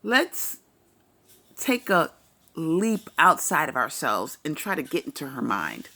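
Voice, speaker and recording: A woman talks through celebrity gossip in an unhurried, opinionated way. Her lower voice moves through a wide, expressive range. She is blunt and profane, and she states her views like settled fact. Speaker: commentary vlogger. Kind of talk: casual celebrity gossip commentary.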